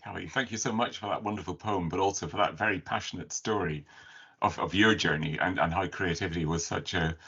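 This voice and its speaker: Man, webinar moderator, husky, bright edge, repeats words, dull call sound. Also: low-pitched, steady tone, brisk. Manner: warm thanks, stammering repetitions. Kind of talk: webinar chairing. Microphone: video call. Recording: muffled video call audio.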